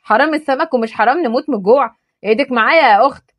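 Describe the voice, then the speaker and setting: A woman's voice: sits high, racing, no room sound. A woman voicing a joking young man with an Egyptian accent in a told story. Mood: teasing. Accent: Egyptian Arabic. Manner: joking, teasing. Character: young man, teasing joker with a soft heart.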